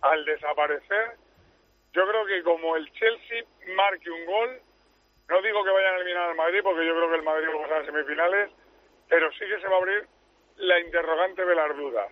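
A man phoning in from a moving car, chatty and opinionated as he weighs up the match. The line is thin and tinny, and his voice sits a little high. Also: brisk. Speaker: commentator calling in. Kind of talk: radio sports talk. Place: car on the road.

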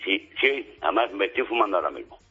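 A man in his forties from Spain with a Spanish accent, chatting casually as a radio caller in a husky smoker's voice that sounds like an old man's. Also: fairly low pitch, lively intonation, fast talker, phone-quality sound, soft background music. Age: 40s. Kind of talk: casual chat.

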